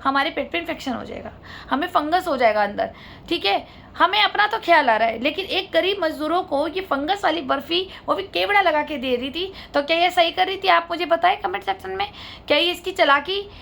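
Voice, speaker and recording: A woman's voice: very high-pitched, lively intonation, brisk, creaky, a bit bright, slight background noise. A woman vlogger telling her own family story to viewers, indignant and asking them to judge. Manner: indignant, appeals to viewers for their judgment.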